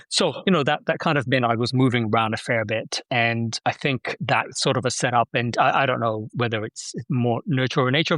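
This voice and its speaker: A man from Malaysia speaks at a mid pitch as a podcast guest. He is reflective and often restarts his sentences, and the recording is close and dry with no room sound. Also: fairly bright tone, no room sound. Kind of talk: casual interview talk.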